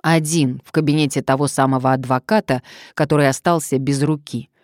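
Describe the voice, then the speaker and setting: Brief: a loud, scornful young woman, voiced by the narrator, snapping back in anger. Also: very deep voice, steady tone, fairly quick, dry recording, clean studio sound. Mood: furious. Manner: fiery, scornful retorts. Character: furious sharp-tongued young woman. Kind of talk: audiobook character reading.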